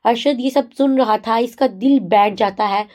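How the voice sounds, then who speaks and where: Brief: a woman narrator, steady storybook reading, slightly high pitch.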